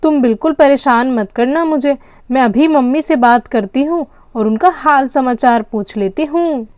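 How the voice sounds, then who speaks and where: A woman's voice: high voice, moderate pace, darkish tone, no room sound, clean studio sound. A woman narrating a doll story and voicing the mother, in a chatty, motherly, warning tone. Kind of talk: doll story role-play.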